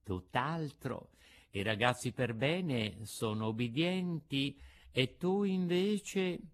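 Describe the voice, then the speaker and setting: A man voicing a gentle, patient motherly fairy woman in a storybook reading, soft, measured and admonishing. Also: medium pitch, lively intonation.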